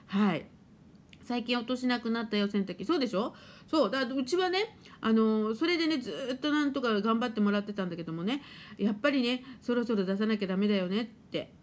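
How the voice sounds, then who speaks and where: Chatty laughing woman streaming live. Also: a little high. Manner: chatty, laughs often, voices her washing machine playfully. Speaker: live-stream host and spiritual therapist. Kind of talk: casual live-stream chat reading viewer comments.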